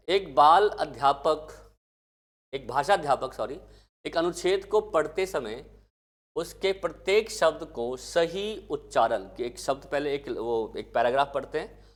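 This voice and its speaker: A male teacher giving an exam-prep lecture, asking questions and answering them himself. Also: medium pitch. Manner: asks questions and answers them himself, addresses students as kids.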